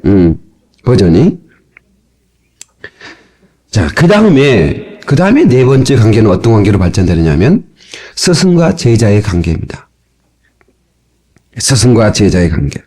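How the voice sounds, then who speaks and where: Husky pastor preaching on old tape. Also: male voice, fairly low pitch, a little slow, pauses often. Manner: lively preaching, asks congregation for responses, folksy asides. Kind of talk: sermon. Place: church sanctuary. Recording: old cassette tape transfer.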